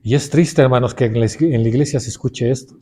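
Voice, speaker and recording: A man's voice: medium pitch, fast, mellow, slightly rough. A middle-aged man with a Mexican Spanish accent preaching a sermon, often calling his listeners brothers and putting questions to them.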